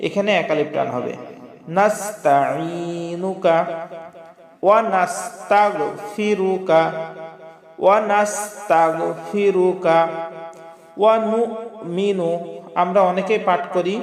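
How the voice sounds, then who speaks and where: A man with a high voice leads a word-by-word recitation lesson, chanting each phrase slowly and then explaining it quickly and patiently. The recording is roomy, with a long reverb trailing behind every line. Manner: patient, corrects common mistakes. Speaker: Quran recitation teacher. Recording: echoey room with long reverb.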